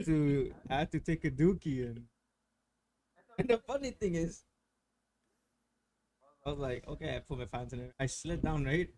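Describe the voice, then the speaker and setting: A man co-hosting a podcast, telling a story in slangy, laughing casual chat. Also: on the high side. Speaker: podcast co-host.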